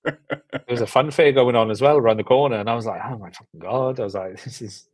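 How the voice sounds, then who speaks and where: A young film director speaks fast in a medium-pitched voice as an easygoing interview guest, keeping things casual and informal. He is on a video call from an indoor room at home, and the recording sounds dry.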